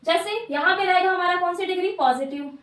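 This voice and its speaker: A woman teaches grammar in a high, bright-pitched voice, posing questions and answering them herself. She repeats each key word. The mic sits well back, so the sound is roomy and echoey. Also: brisk. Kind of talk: grammar lesson at a board. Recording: echoey room, mic at a distance.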